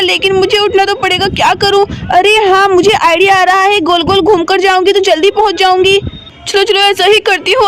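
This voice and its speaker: A woman's voice: very high-pitched, fairly bright tone. A woman voicing a sick mother in a doll story, fretting anxiously and asking over and over what to do. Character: sick, tied-up mother, fretful and panicky.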